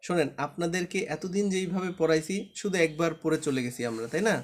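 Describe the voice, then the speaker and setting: Male teacher, fairly high voice, patient, repeats letter sounds for an online class. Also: fast. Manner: patient, drills letters aloud, asks the class to check understanding. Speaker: Quran reading teacher.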